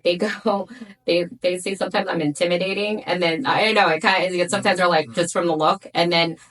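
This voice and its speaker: Blunt, emphatic businesswoman guest with a lowish voice, coaching the listener. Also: steady tone, a little fast, fairly bright tone, low-quality recording. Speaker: salon owner guest. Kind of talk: podcast interview.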